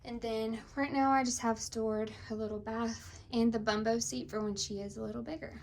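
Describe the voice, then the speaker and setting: Breathy young woman giving a home tour. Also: on the high side, fairly even intonation, moderate pace, a little hiss or hum. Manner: chatty, descriptive, uses "little" often. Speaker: vlogger. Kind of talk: casual home tour vlog. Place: home nursery room.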